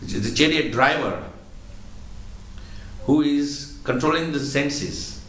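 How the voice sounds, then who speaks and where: Measured male spiritual lecturer, echoey room. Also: a little high, fairly bright tone. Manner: measured, explanatory, repeats words. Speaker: spiritual teacher. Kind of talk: religious lecture.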